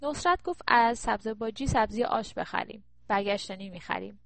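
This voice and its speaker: A woman narrator voicing a brisk, practical woman coaxing her friend along in an audiobook. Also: a little high, creaky, a bit bright, no echo.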